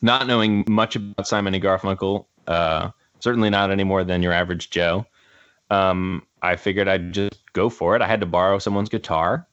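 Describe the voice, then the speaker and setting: A young man with a very low voice, telling his story at length with plenty of ums and restarts. The sound is a little dull and close, with no room echo at all. He talks like a relaxed podcast guest. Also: normal speed, smooth. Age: 20s. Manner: rambling, lots of fillers and restarts. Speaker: guest, actor and musician. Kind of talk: casual interview chat. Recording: slightly dull, dry sound.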